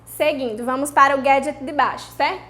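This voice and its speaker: High-voiced Brazilian woman teaching English. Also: fairly even intonation, fairly bright tone. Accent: Brazilian Portuguese. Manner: slow, drawn-out model pronunciation of English words for repeating; checks in often with "certo?" and "né?". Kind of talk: recorded video lesson for students.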